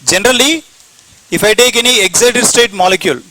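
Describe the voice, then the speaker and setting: A man's voice: high-pitched, fairly quick, sharp tone, dry recording, poor audio. A man with an Indian English accent teaching a chemistry class, repeating points and asking and answering his own questions. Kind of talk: classroom lecture.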